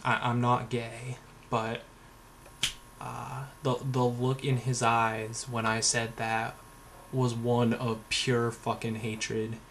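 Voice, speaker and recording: A man's voice: medium pitch, flat delivery, slow pace, a bit bright, slight background noise. A young man telling a story in a casual vlog, sarcastic and rambling, full of fillers and swearing. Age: young adult. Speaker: vlogger.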